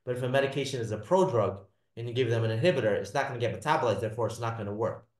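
A man's voice: medium pitch, very fast, a little mellow, roomy sound. A man teaching a class, repeating his points and checking in with the students with "all right?" and "does that make sense?". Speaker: lecturer. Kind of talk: classroom lecture.

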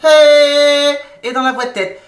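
A woman's voice: on the low side, expressive, measured pace, far from the mic. A woman teaching singing, explaining vocal registers and breaking into short sung demonstrations. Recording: echoey room, voice a bit off mic.

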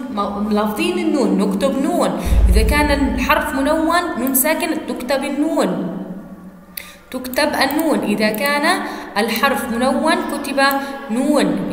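A Jordanian woman teaching a class in a high, clear voice. She spells words out slowly, asking questions and answering them herself. The sound carries a long echo from the room, with a faint hum of noise behind her. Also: fairly bright tone. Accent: Jordanian Arabic. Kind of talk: classroom lesson on Arabic prosody.

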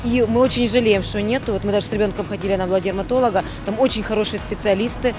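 A woman's voice: medium pitch, fairly even intonation, rapid-fire. A middle-aged woman on a city street giving a chatty, explanatory answer to a reporter. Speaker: passer-by in street interview. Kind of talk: street vox pop answer. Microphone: handheld reporter mic. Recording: music bed under voice.

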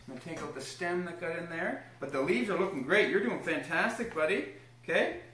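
A man's voice: on the high side, animated, fairly quick, a bit bright. Upbeat young man teaching in a kitchen. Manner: upbeat, encouraging, talks to a small child while explaining steps. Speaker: home cooking host. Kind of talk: casual cooking demonstration. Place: home kitchen, indoors. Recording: echoey kitchen room.

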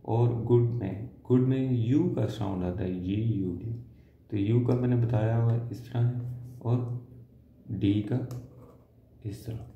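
A man teaching a shorthand lesson step by step, slow and patient, trailing off softly as he draws each symbol. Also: on the low side, a little hiss or hum. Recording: dull lo-fi sound in an echoey room.

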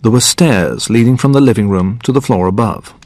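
A man reading a storybook aloud slowly and clearly as a listening exercise for English learners. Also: lowish voice, darkish tone, no room sound. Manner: slow, clear, deliberate reading. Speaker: narrator.

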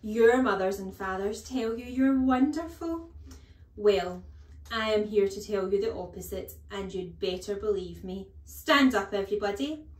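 A woman's voice: mid-range voice, expressive, unhurried, close to an everyday voice. A woman voicing a huge, bullying headmistress who barks contemptuous commands and insults in a children's storybook reading. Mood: barking, menacing. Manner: barking, bellowing commands, contemptuous. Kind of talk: children's storybook read-aloud. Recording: echoey room.

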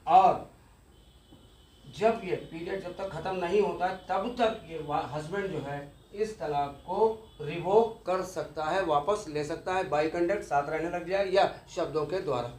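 A man's voice: on the high side, measured pace, a little mellow, echoey room, slight background noise. A man giving an exam-focused law lecture, explaining step by step and repeating key terms, with English legal words mixed in.

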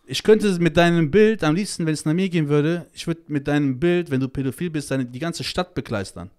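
A man's voice: fairly high pitch, fairly quick, darkish tone. A man speaking as a podcast guest in casual conversation, blunt and crude, full of slang and swearing, heated and emphatic. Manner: blunt and crude, heavy slang, swears, keeps saying "Alter". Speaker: guest, child-protection activist.

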